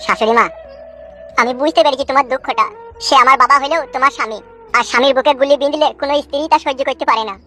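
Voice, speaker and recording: A woman's voice: high-pitched, rapid-fire, sharp tone, soft background music. A woman voicing a hot-headed young village man, ranting with crude curses in a comic cartoon. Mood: vengeful. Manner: fiery, crude swearing rants.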